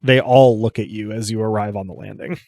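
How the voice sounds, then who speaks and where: A man acting as game master, improvising casual narration in a halting way, thinking aloud as he goes. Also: lowish voice, steady tone, gravelly, darkish tone, no echo.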